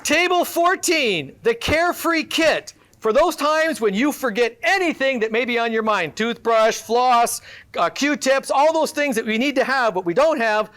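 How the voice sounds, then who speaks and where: A man with a strikingly high voice emceeing a live showcase. He talks in a bright, salesy pitchman patter and throws joking asides to the crowd. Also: animated, measured pace. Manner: upbeat pitchman delivery, joking asides to the audience. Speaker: event emcee. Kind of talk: live emcee patter introducing student products. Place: event venue with audience.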